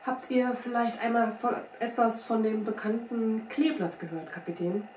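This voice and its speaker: A woman plays a sly little old frontier scout, folksy, wry and sure of himself, speaking in a drawl. Her voice is a little high with a darkish tone, close to her everyday voice, at a moderate pace. A distant mic gives a roomy sound with a faint hiss underneath.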